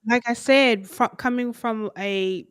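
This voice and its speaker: A woman co-host asks curious, winding questions in a smooth, resonant voice. The sound is dry and close, over a video call. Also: a little high, slow pace, dry recording. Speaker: podcast co-host. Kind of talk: casual interview.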